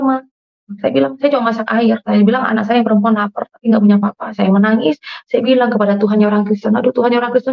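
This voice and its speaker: A woman's voice: mid-range voice, vocal fry. A middle-aged woman from Madura giving an emotional personal faith testimony, often calling her listeners "saudara". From Madura, Indonesia. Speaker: testimony speaker. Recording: dull lo-fi recording.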